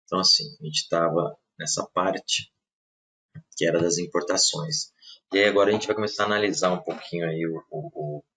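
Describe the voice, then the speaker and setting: A man, casually walking viewers through software in a live webinar, speaking softly and often checking in with his audience. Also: sits low, steady tone, fairly quick. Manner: casual, talks through clicks, many tag questions. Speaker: software trainer. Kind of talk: live webinar screen-share demo.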